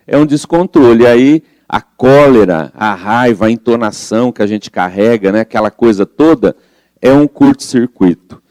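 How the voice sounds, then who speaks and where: A man's voice: medium pitch, dark tone, dry recording. A man leading a study group, explaining a spiritual book and reading passages aloud in a conversational way that asks the group questions.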